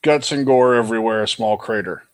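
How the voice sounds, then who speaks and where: A man's voice: lowish voice, a little fast, clean tone. A man improvising narration as game master of a tabletop game in a casual style.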